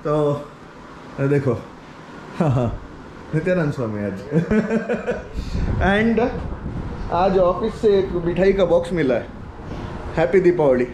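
On a casual daily vlog, a man in his forties chats and laughs into a handheld action camera held at arm's length, moving from home to outdoors at night and slipping in English phrases. His voice is on the high side with big pitch swings, slow and often pausing, with background noise audible.

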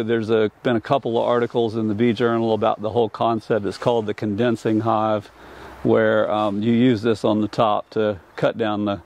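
Out in an apiary, an older man from North Carolina who keeps bees commercially describes how he works, with frequent restarts and a plain, practical manner. His voice is fairly low and a little mellow, picked up on a lapel mic.

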